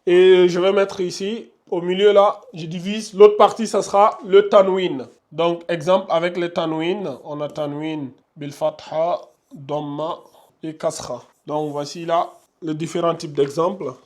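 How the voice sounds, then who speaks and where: A man's voice: fairly high pitch, steady tone, measured pace, a little mellow. A man teaching a class in a classroom, patiently repeating examples and drawing out each sound as he demonstrates it. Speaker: Quran recitation teacher. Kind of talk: classroom lesson. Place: classroom with a board.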